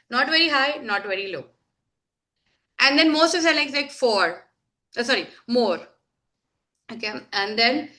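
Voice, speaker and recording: High bright-voiced woman teaching signs. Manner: chatty, demonstrative, laughs often. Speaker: sign language trainer. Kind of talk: online workshop teaching.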